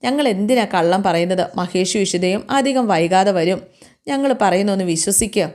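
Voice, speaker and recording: A woman's voice: medium pitch, expressive, moderate pace, darkish tone, natural voice. A woman voicing a worried grandmother coaxing and reassuring a child, in a storytelling retelling.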